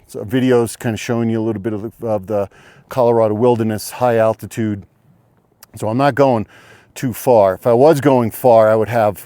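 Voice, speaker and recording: Man, slightly out of breath, mid-pitched voice, dry close sound, rambling casual explanations, outdoor hiking vlog. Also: no echo. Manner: relaxed, rambling explanations with many fillers. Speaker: hiking vlogger. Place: outdoors on a snowy trail by a lake.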